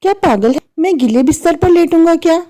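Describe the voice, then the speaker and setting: A woman's voice: very high voice, expressive, a little fast, mellow, voice pushed up. A woman voicing an irritable grown son. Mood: irritated. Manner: complaining, snapping at his mother.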